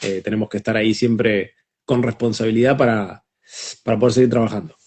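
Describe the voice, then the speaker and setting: A man's voice: lowish voice, steady tone, fairly quick, a little mellow, breathy edge. Reflective man, voice actor guest. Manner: reflective, many small restarts. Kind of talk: casual interview.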